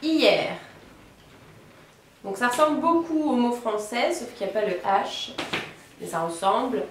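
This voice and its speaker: A woman teaching a beginner Italian lesson, patiently repeating each word slowly. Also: on the high side, animated, slight background noise. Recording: roomy echo, voice a bit off-mic, faint ambience.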